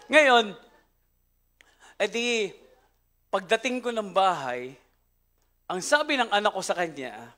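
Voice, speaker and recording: A man's voice: high-pitched, animated, slow, pauses often, bright, forceful tone. A man with a Filipino accent preaching a church sermon, telling stories with frequent laughter and switching between Tagalog and English. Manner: storytelling, laughing often, mixing English into Tagalog. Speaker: pastor. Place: church service.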